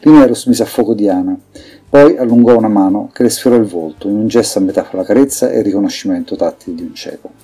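A man reading scripted fantasy narration in an even, measured way. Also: lowish voice, husky. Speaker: audiobook narrator. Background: faint music.

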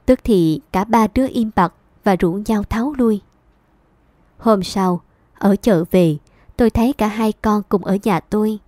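A woman narrating a novel in the first person, in a steady storytelling manner. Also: medium pitch, measured pace, no room sound. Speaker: audiobook narrator.

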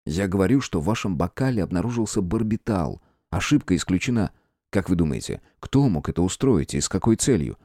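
Guy reading as polite stern old-style detective, mellow voice, dry sound. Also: sits low, sing-song, dry recording. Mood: firm. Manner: measured, courteous, formal. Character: calm, firm gentleman detective of old times. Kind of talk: audiobook character voicing.

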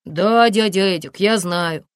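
A woman's voice: mid-range voice, unhurried, clear, resonant tone, dry recording, close to an everyday voice. A woman voicing a young man in an audiobook, an apologetic nephew speaking earnestly. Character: young male nephew, guilty and eager to please.

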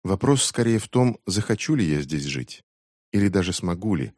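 A man voicing a tired, worried middle-aged mother who speaks in a soft, strained way. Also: low-pitched, lively intonation, moderate pace, no echo, studio quality.

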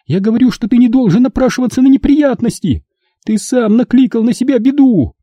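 Guy putting on a high shrill mom yelling at her kid in an audiobook, husky under it. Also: very animated, moderate pace, dry recording, clean studio sound, full character voice. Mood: angry scolding. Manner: shouting, scolding, pleading. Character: frightened angry mother, middle-aged woman. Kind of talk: audiobook reading.

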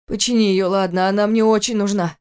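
A woman reading an audiobook voices a young husband, keeping his lines low and hushed, close to her own voice. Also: steady tone, a little fast, clean tone, lightly acted. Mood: worried. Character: young husband, eager then alarmed.

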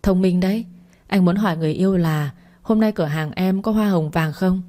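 Kind, teasing young chairman read by a woman, low and mellow, storybook delivery. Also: fairly quick, natural voice. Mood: warm.

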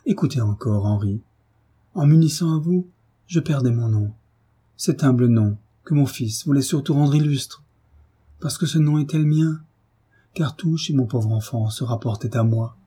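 A dying young mother, tender and devoted, speaking in soft, pleading tones, as a man reads her part. The voice is very dark and deep-toned, with a husky, breathy grain. It is an audiobook reading of a novel. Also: normal speed, lightly acted. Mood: tender, sorrowful.

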